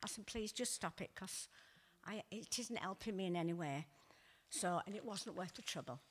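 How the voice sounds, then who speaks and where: An older woman tells her own life story in a halting, emotional way. She restarts her sentences and sighs as she goes. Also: on the low side, animated, breathy edge. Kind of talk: personal testimony.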